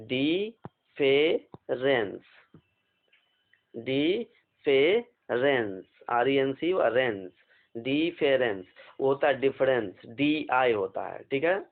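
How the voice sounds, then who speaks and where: A man's voice: medium pitch, expressive, measured pace. Man, teacher, exam vocabulary lesson, spells words out, repeats, tinny phone-like audio. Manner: spells words letter by letter, repeats and asks questions. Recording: phone-like narrow band.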